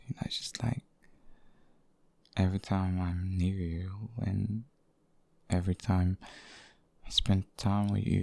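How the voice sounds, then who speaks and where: Low, intimate ASMR role-play by a man as boyfriend. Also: vocal fry, no room sound, heavily acted. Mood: hesitant, confessing. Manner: intimate, hushed, halting and hesitant. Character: devoted, possessive, tender boyfriend comforting his partner. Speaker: audio role-play performer.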